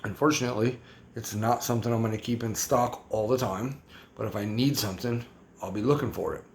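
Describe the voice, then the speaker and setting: A man talking through a hot sauce review in a loose, rambling way. He drops slang, circles back on his own points and keeps piling up words. His voice sits at an ordinary middle pitch. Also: fairly even intonation, brisk, a little hiss or hum. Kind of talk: casual product review vlog.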